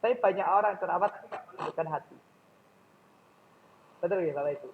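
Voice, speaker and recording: A man's voice: high voice, fast talker, creaky, phone-quality sound, slight background noise. A man with a Javanese accent giving a public speaking lecture in a mosque, often questioning his audience directly.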